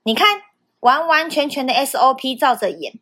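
A woman's voice: high-pitched, expressive, normal speed, bright, forceful tone. A young woman hosting a podcast, telling a personal story in a candid, emotional way and acting out remembered dialogue. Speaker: podcast host.

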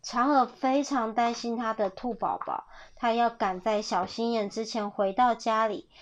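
A woman reading a children's story aloud, animated and pausing to ask her listeners questions. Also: a little high. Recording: dull lo-fi audio.

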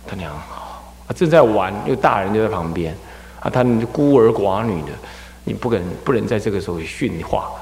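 A man, a Buddhist abbot, giving a dharma talk as animated storytelling, often repeating words while he finds them. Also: lowish voice, moderate pace, long reverb tail, slight background noise.

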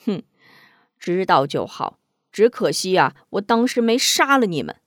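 A man's voice: a little high, lively intonation, unhurried, no room sound, studio quality. A woman reading a story, voicing a stern, righteous innkeeper man who sneers coldly and barks orders. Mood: cold angry. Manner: cold sneering, then barking commands.

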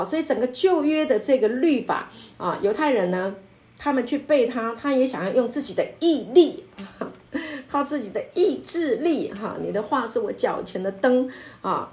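A woman pastor teaching a Bible study, emphatic and lively, with frequent filler sounds and light laughs. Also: fairly low pitch. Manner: laughs often while explaining.

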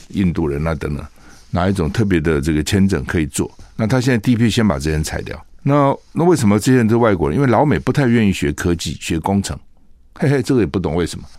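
A man's voice: deep voice, a little mellow, no room sound. A man hosting a radio talk show, giving a chatty opinion monologue full of rhetorical asides and tag questions in a studio.

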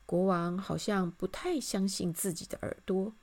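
A woman's voice: mid-range voice, moderate pace. A woman narrating a children's story and speaking to young listeners. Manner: warm, expressive, addresses children.

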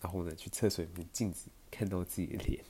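A man's voice: deep voice, steady tone, fast, mellow, husky. A young man with a Taiwanese Mandarin accent, telling a personal story in a chatty, meandering podcast style full of fillers. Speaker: podcast host.

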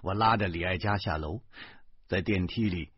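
A man's voice: low-pitched, normal speed, slightly rough, dry recording. A man with a Beijing accent reading a first-person novel aloud, animatedly acting out the dialogue. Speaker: audiobook narrator. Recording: dry dull lo-fi recording.

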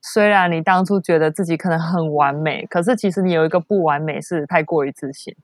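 A woman's voice: low-pitched, a little fast, no room sound, clean studio sound. A woman with a Taiwanese Mandarin accent chatting casually, often acting out what people say. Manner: animatedly acts out quoted remarks. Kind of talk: casual chat.

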